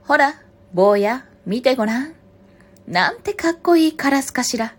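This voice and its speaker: A woman voicing a sly mother fox in a picture-book reading, with sweet, drawn-out flattery. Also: a little high, husky, voice pushed up, full character voice. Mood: flattering. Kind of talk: picture-book read-aloud.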